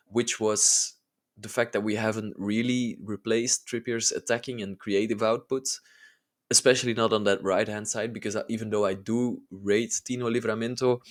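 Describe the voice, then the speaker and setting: Male football YouTuber, mid-pitched, informal and enthusiastic, casual commentary style. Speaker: YouTube football channel host. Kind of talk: casual video ranking commentary.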